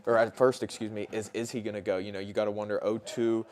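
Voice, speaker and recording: A man's voice: on the low side, little pitch movement, fast talker, a little mellow, slight background noise. A man working as a color commentator, analysing a live baseball game in a conversational way.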